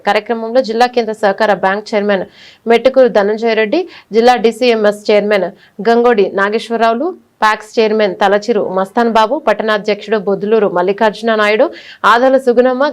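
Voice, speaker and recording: A woman news reporter reading a scripted report in a brisk, formal way. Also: on the high side.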